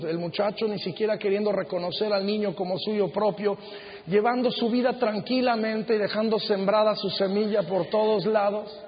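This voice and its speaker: Male preacher, middle-aged, high-pitched, earnest and measured; muffled recording with long reverb from a big auditorium. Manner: earnest, measured preaching with slow emphatic phrases. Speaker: pastor. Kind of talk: sermon. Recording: dull sound with long hall reverb.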